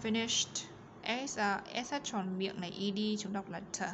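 A woman teacher giving a bilingual grammar lesson, reading English examples slowly and carefully and explaining them quickly in between. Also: medium pitch, little pitch movement, background noise.

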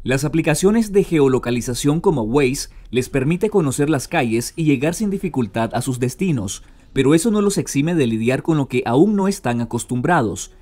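A male reporter reading scripted narration for a news report, in a measured and informative way. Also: medium pitch, lively intonation, darkish tone.

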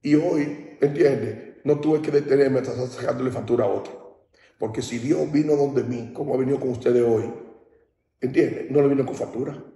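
A man's voice: mid-range voice, moderate pace, creaky, mellow, distant mic. Dominican male pastor preaching in an echoey hall. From Dominican Republic. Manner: conversational preaching, often asks "¿entiendes?". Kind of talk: sermon. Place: large hall at a baptism service. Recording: echoey hall, speaker off-mic.

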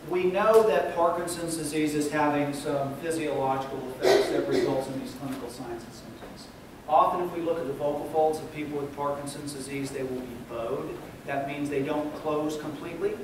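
A male university lecturer explaining to students, checking in with "okay?" and pausing on fillers. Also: fairly high pitch. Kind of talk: recorded classroom lecture. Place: lecture room. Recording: echoey room, distant mic, noisy.

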